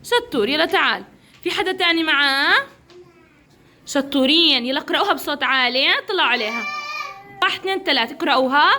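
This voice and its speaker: A young woman with a Levantine accent teaching small children in a classroom, cheering them on and slowly sounding out syllables. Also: sits high, lively intonation, pushed and bright, slight background noise. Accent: Levantine Arabic. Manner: encouraging, praises often, drawn-out sounding of syllables. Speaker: kindergarten teacher. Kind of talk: classroom phonics drill.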